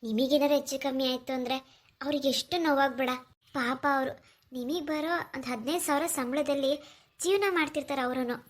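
A tender young village woman in a cartoon story, voiced by a woman. Her high voice stays soft and earnest. She sounds emotional and anxious for others. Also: steady tone, fairly quick, close to an everyday voice. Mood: worried. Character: young village woman, gentle, tearful, caring. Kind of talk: cartoon voice acting.

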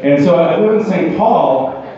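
Guy doing standup at a bar open mic, kinda high voice, rambly self-mocking, echoey and far from the mic. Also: lively intonation, unhurried, warm tone. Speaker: stand-up comedian. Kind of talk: stand-up set. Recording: distant echoey dull bar recording.

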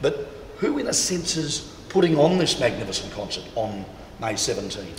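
A man's voice: medium pitch, sing-song, moderate pace. A man presenting and interviewing on camera, chatty and promotional, talking straight to viewers. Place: large cathedral interior. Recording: echoey cathedral with long reverb and faint background noise.

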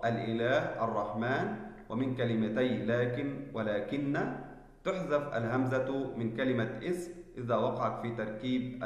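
In an echoey room with long reverb, a male teacher with a medium-pitched voice gives a spelling lesson. He explains slowly and deliberately and checks that his students are following.

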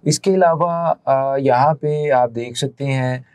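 A Pakistani-accented man in his thirties, speaking slowly in a mid-range, somewhat dark voice, fronts a promotional real estate video as a consultant. He explains things with a salesman's pitch into a lapel mic, and there's no room sound.

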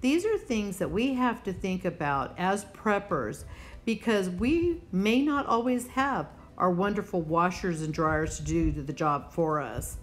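The host of a prepping channel, a woman with a lowish, animated voice, speaks a little slowly in her preparedness vlog. She's casual and instructive, plainspoken, talking directly to the person watching.

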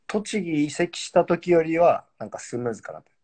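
Husky man in his forties, joking. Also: fairly high pitch, sing-song, a little fast, a little mellow. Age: 40s. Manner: laid-back, laughs often, joking. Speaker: pro footballer, live-stream guest. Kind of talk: casual live-stream chat.

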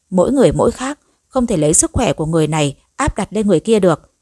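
A woman's voice: mid-range voice, a little mellow, no room sound, studio quality, close to an everyday voice. A woman voicing an earnest, protective young husband in a storybook reading. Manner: earnest, firm but respectful.

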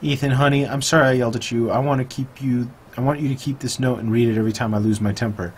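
A man's voice: medium pitch, fairly even intonation, fast talker, slight background noise, pitched above the performer's own voice, natural voice. A man reading out a note in the voice of a mother, mock-sweet and crude. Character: scolding, loving mother writing an apology note.

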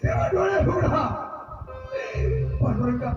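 A man's voice: extremely high pitch, wildly swooping pitch, unhurried, exaggerated voice. A man playing a desperate poor young son who pleads and sobs to god for his mother's life, in a live folk stage drama. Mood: anguished. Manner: anguished wailing pleas, sobbing shouts. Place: open stage performance. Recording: echoey distant lo-fi stage recording with loud music.

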